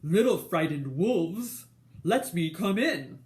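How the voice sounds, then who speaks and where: A woman voicing a big bad male pig who bullies and makes loud threats. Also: fairly low pitch, lively intonation, takes it slowly, echoey room. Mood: menacing.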